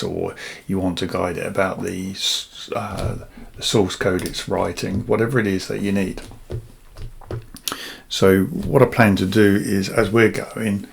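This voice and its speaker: A man half whispering as he casually talks through his software project, thinking aloud with frequent fillers. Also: fairly low pitch, vocal fry. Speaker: software developer vlogger. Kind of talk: casual screen-share walkthrough.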